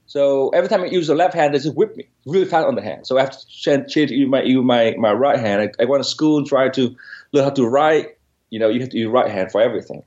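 A man in his forties with a Vietnamese accent tells his story in an interview. His pitch sits in the middle of the male range, and he talks earnestly, restarting and repeating words as he searches for them. The recording is slightly dull and lo-fi. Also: fast talker, a little mellow. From northern Vietnam. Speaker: interview guest.

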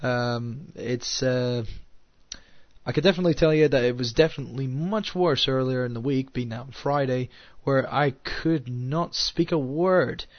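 A Scottish man hosting his radio show with a sore throat and a cough, rambling and halting with a wry, sarcastic edge, speaking into a headset. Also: medium pitch, no room sound, highs cut off. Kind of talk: casual solo podcast chat.

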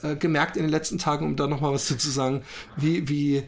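A man co-hosting a casual podcast chat, animated, with many fillers and restarts. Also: on the high side, fast talker, gravelly. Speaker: podcast co-host.

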